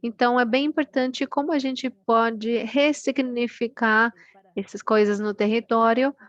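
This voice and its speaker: A woman's voice: on the high side, no echo, highs cut off. Woman speaking earnestly on a video call. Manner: earnest, deliberately slowed for interpreters. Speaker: panelist at a virtual meeting. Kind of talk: prepared talk at an online meeting.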